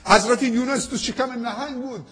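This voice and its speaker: A man preaching a sermon with a high, husky voice. He tells the story emphatically, with dramatic pauses, and slows right down when he quotes prayers. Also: fairly bright tone.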